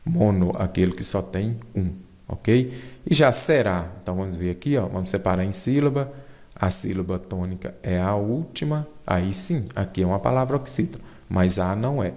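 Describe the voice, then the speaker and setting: A man's voice: low-pitched, lively intonation, moderate pace, a little mellow. A Brazilian man teaching an exam-prep grammar lesson, explaining step by step and checking in with his students.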